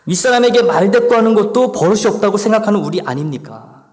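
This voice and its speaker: Male pastor, sermon, high-pitched, pleading acted prayers, echoing church hall. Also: animated, fast, darkish tone. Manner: acts out the psalmist's complaints in a pleading voice. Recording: long church reverb.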